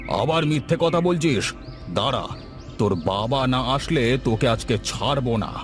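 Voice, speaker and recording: A man's voice: mid-range voice, animated, measured pace, soft background music, close to an everyday voice. A man doing an arrogant rich landowner. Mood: threatening. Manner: domineering, contemptuous. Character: arrogant rich village landowner, bullying the poor.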